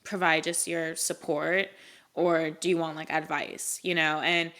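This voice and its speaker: Rambling young woman, lowish voice. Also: little pitch movement, unhurried, a bit bright. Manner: rambling, filler-heavy, laughs often. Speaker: podcast co-host. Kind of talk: casual chat.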